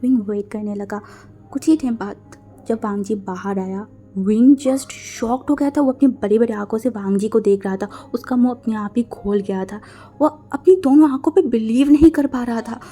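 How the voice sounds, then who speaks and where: A woman's voice: fairly high pitch, moderate pace. A woman with an Indian accent narrating a fan fiction romance, chatty and casual, often slipping into a whisper. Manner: casual, mixes English words into Hindi; drops into whispers for intimate scenes. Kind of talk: storytelling narration with acted dialogue. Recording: soft background music.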